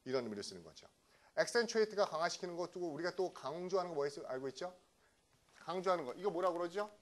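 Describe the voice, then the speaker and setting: A middle-aged man from South Korea teaches English vocabulary in a brisk classroom lecture. His fairly high voice rises and falls a great deal as he keeps checking in with his students. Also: animated.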